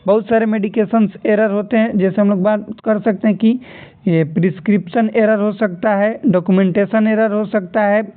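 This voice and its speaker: A man's voice: high-pitched, steady tone, normal speed. A man going through nursing exam questions as a tutor, repeating key terms and telling students to remember them. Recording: tinny phone-like audio.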